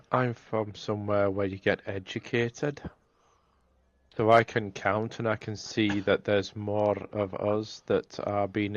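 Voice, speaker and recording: A man's voice: fairly low pitch, no room sound. A man voicing a haughty, educated male outsider in a tabletop game, dry and condescending. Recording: dull lo-fi mic.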